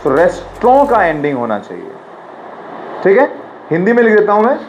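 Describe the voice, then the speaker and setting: सवाल दोहराता हुआ हिंदी-अंग्रेज़ी शिक्षक. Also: male voice, high-pitched, sing-song, fairly quick, faint music behind, poor audio. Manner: quizzing, repeats questions, drills pronunciation. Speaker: teacher. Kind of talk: classroom lecture.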